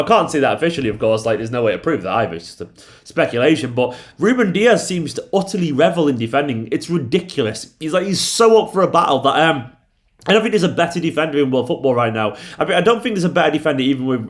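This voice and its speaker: A man hosting a football fan channel, talking casually with emphatic, hyperbolic praise and repeated superlatives. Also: mid-range voice. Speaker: YouTube football channel host.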